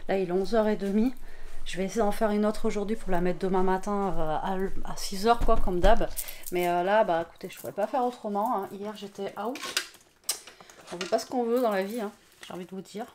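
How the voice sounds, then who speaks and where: Hoarse woman vlogging casually. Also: medium pitch, fairly even intonation, brisk, darkish tone, a little hiss or hum. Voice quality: hoarse, raspy voice. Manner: rambling, many fillers, talks to her pet. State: tired, worn out. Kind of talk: casual vlog chat.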